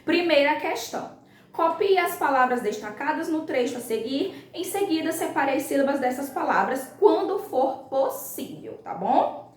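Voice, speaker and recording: A woman teaching a class of young schoolchildren, patient and slow, spelling words out clearly and checking in with the pupils. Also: high-pitched, lively intonation, roomy sound. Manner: patient, slow and clear, ends phrases with "tá bom?". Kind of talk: recorded remote class lesson.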